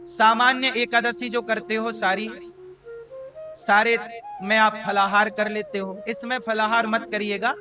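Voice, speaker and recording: A man's voice: high-pitched, little pitch movement, unhurried, music in the background. A male spiritual preacher giving a devotional discourse to a live audience, folksy and often putting questions to the crowd. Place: large devotional gathering.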